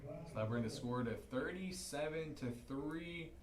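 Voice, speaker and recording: A young man giving color commentary for a high school football livestream, explaining plays and reading out other scores. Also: unhurried. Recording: roomy sound with noise.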